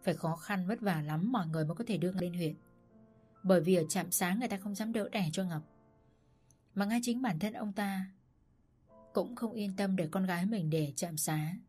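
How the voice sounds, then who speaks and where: A woman narrating a novel as an audiobook in a steady, dramatic storytelling manner. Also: medium pitch, normal speed, breathy edge, faint music behind.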